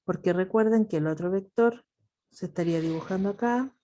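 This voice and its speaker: A woman's voice: on the low side, brisk, warm tone, muffled recording. A woman with a Chilean accent teaching a math class over a video call, patient and affectionate with her students. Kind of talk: online class lecture.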